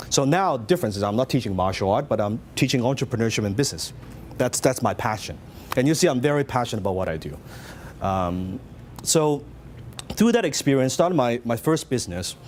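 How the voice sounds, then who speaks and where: This business speaker is a middle-aged man from Hong Kong whose Cantonese accent colors a motivational seminar where he recounts his own story and keeps asking the audience questions. He speaks in a lowish voice with a darkish tone, over slight background noise.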